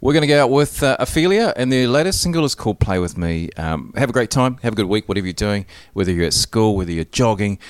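A man's voice: on the low side, expressive, quick pace, few pauses, clear, resonant tone, dry recording. A man with a broad New Zealand accent hosting a podcast in casual, matey, slangy banter. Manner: laid-back, matey, slangy. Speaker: podcast host and interviewer.

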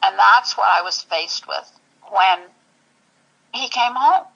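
A woman telling her personal story in an interview, halting and searching for words. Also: mid-range voice, vocal fry, bright, forceful tone, breathy edge, dull audio. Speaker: interview guest.

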